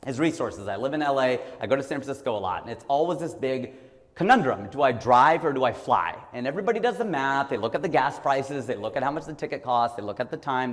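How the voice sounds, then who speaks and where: The sound is that of a big room, where a man in his forties from Ohio, with a mid-range voice, gives a motivational talk styled like stand-up. He jokes, talks casually and acts out everyone he quotes.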